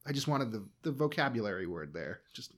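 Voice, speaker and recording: A man co-hosting a casual podcast, playful and joking with excitable bursts. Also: lowish voice, fairly quick. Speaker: podcast co-host.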